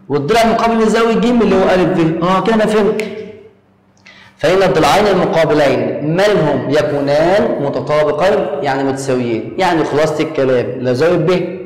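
A man with an Egyptian Arabic accent teaching a math lesson in a quick, conversational way, voicing his students' questions himself. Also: sits high. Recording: echoey room with long reverb.

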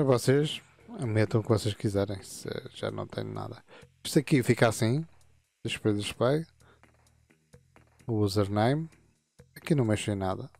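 Faint music plays under this casual screen-recorded tutorial, where a gaming channel host in his fifties clicks through menus to explain a chat setup. His low voice has vocal fry and is a little mellow, and he rambles with halting, frequent restarts.

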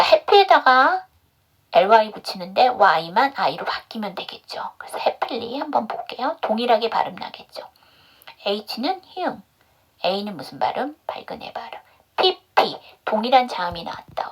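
In an online phonics lesson, a woman teaches English pronunciation, drilling step by step by posing questions and answering them herself. Her voice is a little high and a little slow, with big pitch swings and a breathy edge.

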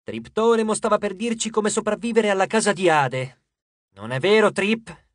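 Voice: mid-range voice, normal speed, dry recording, clean studio sound, natural voice. Narrator voicing an earnest, hesitant teen boy. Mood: reassuring. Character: big shy teenage demigod boy, earnest.

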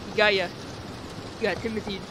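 Playing a game on video, a young woman chats casually, giggling and swearing playfully as her nerves make her jittery and shaky. She speaks a little fast in a medium, fairly bright voice with fairly even intonation, and the background noise comes through clearly.

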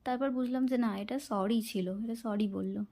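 A vlogger from India with a Bengali accent chats casually while cooking in her home kitchen, telling a story and using lots of fillers. Her voice is fairly high with a dark tone, and she speaks at a moderate pace.

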